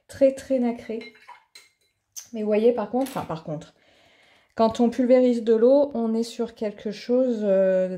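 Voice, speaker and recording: A woman's voice: fairly high pitch, dark tone. A woman hosting an art tutorial in her home office, chatting casually and thinking aloud with plenty of fillers as she demonstrates.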